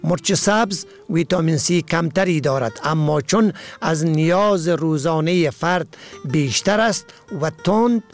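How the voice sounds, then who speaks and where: High gravelly Afghan Dari radio presenter. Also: male voice, faint music behind. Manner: slow, careful, spells words out letter by letter. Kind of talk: scripted radio reading.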